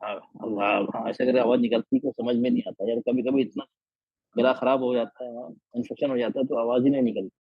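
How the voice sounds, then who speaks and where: Guy teaching quran tajweed, keeps asking okay?, husky low-toned voice, kinda dull dry recording. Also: fairly even intonation, no echo. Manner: checks in often with "okay?" and "theek hai?"; sounds out letters and vowels slowly to demonstrate. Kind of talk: classroom explanation with drawn diagrams.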